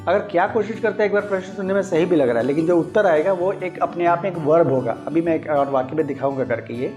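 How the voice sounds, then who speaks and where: A man's voice: fairly high pitch, fast talker, a little mellow, faint music behind. A man teaching English grammar, explaining step by step and repeating key phrases as he questions his students. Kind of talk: explanatory lesson.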